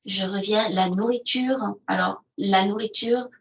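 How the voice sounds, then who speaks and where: Sharing her screen in an online webinar, the presenter of an educational video platform walks through its resources, stumbling over lots of fillers. She has a medium-pitched, steady, creaky and slightly bright voice with a measured pace, captured in low-quality audio.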